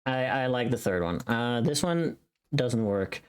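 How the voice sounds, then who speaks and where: Working through voice pack lines on a livestream, a woman streamer thinks aloud in self-directed muttering and casual chat. She sounds rumbling low yet animated, with a measured pace and a clean tone.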